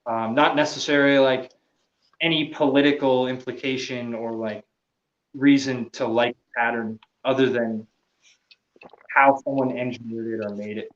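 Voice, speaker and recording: A man's voice: mid-range voice, fairly even intonation, normal speed, reverberant, lo-fi sound. A man talking casually as a podcast guest, laid-back and trailing off, swearing casually and laughing often. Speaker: podcast guest, gear maker. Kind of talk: casual chat.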